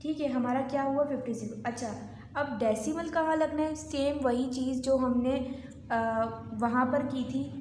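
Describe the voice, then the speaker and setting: High-voiced woman teaching maths, echoey. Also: measured pace, darkish tone, a little hiss or hum. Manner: patient, repeats counts aloud, frequent "theek hai". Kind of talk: step-by-step maths lesson.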